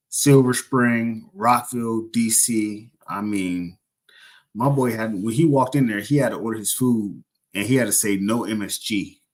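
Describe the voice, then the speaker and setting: Rambling low-voiced man chatting on a livestream. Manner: rambling, self-correcting, joking. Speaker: livestream host. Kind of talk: casual livestream chat.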